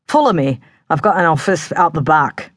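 A woman's voice: low voice, lively intonation, moderate pace, no echo, studio quality. A woman voicing a flirty, self-assured male pub licensee in his early thirties with a Cockney accent, overly familiar and chummy. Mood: chummy flirting.

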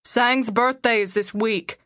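A serious teenage boy who gives urgent, protective orders, as a woman reads him. The voice is fairly high and sounds close and dry. It comes from an audiobook. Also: fairly even intonation, slow, a bit bright, dry recording. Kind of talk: audiobook character voice.

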